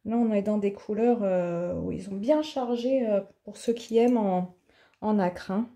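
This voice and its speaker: A woman's voice: mid-range voice, a little slow, warm tone. A woman hosting an art tutorial in her home office, chatting casually and thinking aloud with plenty of fillers as she demonstrates.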